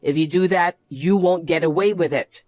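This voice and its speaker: A man's voice: a little high, normal speed, darkish tone, no echo, lightly acted. A man playing a cowardly cheating husband in a story drama, whiny and pleading. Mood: dismayed.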